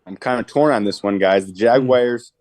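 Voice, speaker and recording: Midwestern guy on a sports podcast, folksy and laid-back, mid pitch. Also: normal speed, darkish tone. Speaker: podcast co-host. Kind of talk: casual sports podcast chat.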